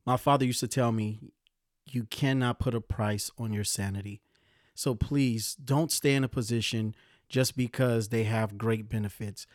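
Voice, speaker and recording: Animated man giving podcast career advice. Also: mid-range voice, moderate pace, no echo, clean studio sound. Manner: animated, gets riled up, mimics complainers. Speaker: podcast host. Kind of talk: motivational podcast talk.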